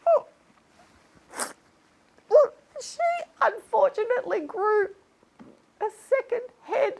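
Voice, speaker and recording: A woman's voice: sits high, lively intonation, slow pace, lo-fi sound. A woman playing a vain, syrupy talk-show diva. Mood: mock-tearful. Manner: theatrical, syrupy and self-pitying. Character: vain self-absorbed female talk-show host. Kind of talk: comic sketch acting.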